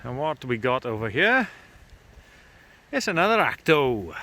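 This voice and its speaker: A man's voice: medium pitch, big pitch swings, measured pace, bright, forceful tone. A man with a British accent chats informally and off the cuff as he films a camping vlog outdoors. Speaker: camping vlogger. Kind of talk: casual outdoor vlog chat. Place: outdoors in farmland and woods. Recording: clearly noisy outdoor field recording.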